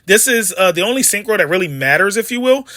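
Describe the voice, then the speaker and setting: A man with a high, bright voice rambles through a casual card game deck breakdown, cracking jokes and wandering into asides. The sound is close and dry, with no room around it. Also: lively intonation, quick pace, no echo. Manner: rambling, chatty, jokey asides. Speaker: card game video host. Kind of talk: casual deck profile commentary.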